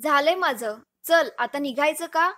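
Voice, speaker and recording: Woman reading as a lively, bossy young wife. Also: high-pitched, measured pace. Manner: scolding, bright. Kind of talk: storybook reading.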